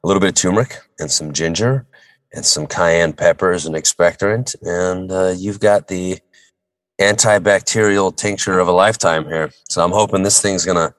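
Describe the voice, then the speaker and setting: Very deep, hoarse, strangled-sounding man. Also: fairly even intonation, normal speed, a bit bright, dry recording. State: hoarse, choked-up, strangled voice from losing it. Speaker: podcast co-host. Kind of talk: casual chat.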